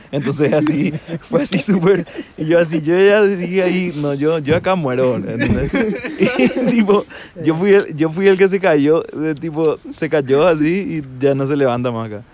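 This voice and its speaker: A man telling a story casually, halting and laughing at himself. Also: fairly high pitch, darkish tone.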